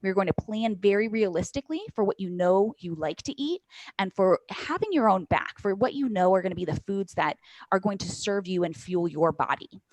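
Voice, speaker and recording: A woman's voice: mid-range voice, fairly quick, a little mellow, no echo, rough recording. A woman fitness coach, a podcast guest, explaining habits in an earnest coaching manner. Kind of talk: podcast interview.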